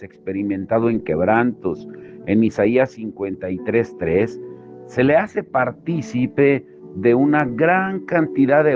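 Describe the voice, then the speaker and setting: Slow, measured male pastor, tinny sound. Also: medium pitch. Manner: slow, measured reading with dramatic emphasis. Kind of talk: devotional Bible reading and sermon. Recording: tinny phone-like sound with faint music.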